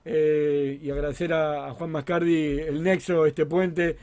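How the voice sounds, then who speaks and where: A man with a Rosario Argentine Spanish accent hosts a chatty live radio show from a studio, effusive and joking, often repeating himself. His voice is a little high and darkish in tone, delivered flatly and a bit slowly, with no room sound.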